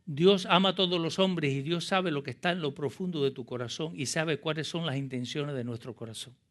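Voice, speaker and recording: Man, pastor, impassioned sermon, rhetorical questions, fairly high voice, bright and forceful.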